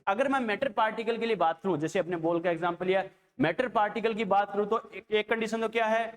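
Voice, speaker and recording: A man with a notably high voice teaches a chemistry lesson. He talks to his students like a fond elder, calling them children and pausing every few phrases to ask whether they are following. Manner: coaxing, keeps checking understanding with rhetorical questions; addresses students fondly as children. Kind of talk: classroom lecture.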